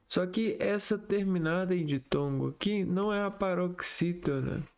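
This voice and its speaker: A man working through exam exercises aloud, slowly reading out words one by one and thinking aloud. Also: high-pitched, clean tone. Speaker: exam tutor.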